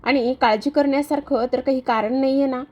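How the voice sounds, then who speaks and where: A woman's voice: high-pitched, fairly even intonation, brisk, a little mellow, highs cut off. A woman voicing a protective, reassuring young man in a retold TV serial. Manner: firm, reassuring.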